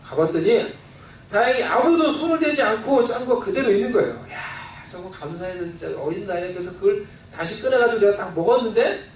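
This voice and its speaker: High-voiced pastor preaching in an echoey church. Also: male voice, a little fast, a little hiss or hum. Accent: Seoul Korean. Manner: animated storytelling, acting out quoted voices. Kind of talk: sermon with a personal childhood story. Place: church sanctuary. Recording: roomy, distant church recording with faint ambience.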